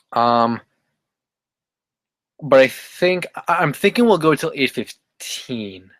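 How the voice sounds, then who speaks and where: A man chatting casually on his live stream, his voice sitting in the middle range for a man. He rambles, restarts and corrects himself as he goes. The sound is close and dry, with no room echo. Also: medium pitch. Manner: rambling, many fillers and self-corrections. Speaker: livestream host reading chat.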